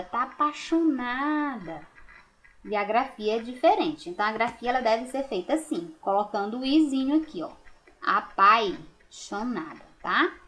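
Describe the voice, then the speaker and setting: Teacher lady talking slow and patient to little kids, voice a bit high. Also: fairly bright tone. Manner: patient, drawn-out words for children. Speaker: primary school teacher. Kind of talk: recorded remote lesson.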